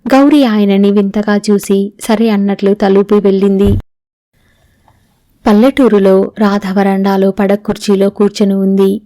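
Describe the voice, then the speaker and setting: Woman audiobook narrator, mellow tone, flat even pitch, steady reading. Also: unhurried. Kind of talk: storybook narration of a novel.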